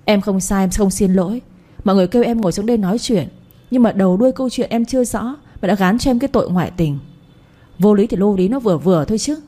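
A woman's voice: mid-range voice, fast talker, dark tone, natural voice. A woman voicing a young wife who defends herself earnestly and politely. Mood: indignant.

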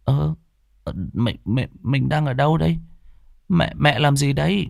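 A man's voice: a little high, a little slow, gravelly, a little mellow, dry recording, clean studio sound, pitched above the performer's own voice. A man voicing a dazed, frightened village boy who stammers. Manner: stammering, confused.

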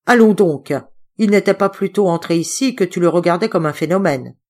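A woman reading an audiobook, voicing a grumpy, quick-tempered old uncle who scolds loudly. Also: expressive, lightly acted. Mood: indignant. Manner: scolding, gruff and booming.

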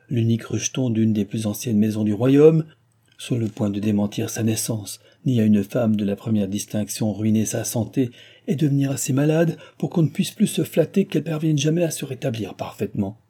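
A man's voice: mid-range voice, mellow, breathy edge, pitched above the performer's own voice. A man reading aloud, voicing an arrogant aristocratic former guardian who lectures in a haughty manner.

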